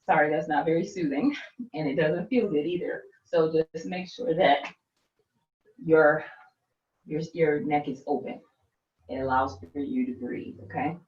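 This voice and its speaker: A woman guiding a gentle restorative yoga class in a calm, unhurried way, talking as she demonstrates. Her voice sits a little low and comes from a distance in an echoey room. The sound is slightly dull. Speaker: yoga instructor.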